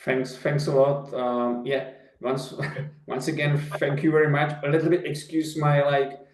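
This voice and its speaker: Slavic-accented man, halting and echoey. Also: on the high side, level tone, slight background noise. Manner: halting, many restarts and repeated words. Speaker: guest, company founder. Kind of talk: casual interview answers. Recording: echoey room.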